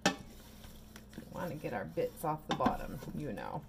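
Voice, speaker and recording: A woman's voice: sits low, huge pitch swings, normal speed, vocal fry, very noisy. A woman narrating her home cooking in a casual, chatty way, with wry asides as she stirs a pot in her kitchen.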